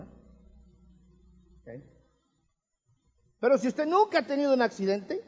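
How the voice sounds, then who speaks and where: Male preacher with a very high voice, emphatic and humorous, in an echoing church hall. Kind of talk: sermon. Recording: reverberant hall, dull lo-fi sound.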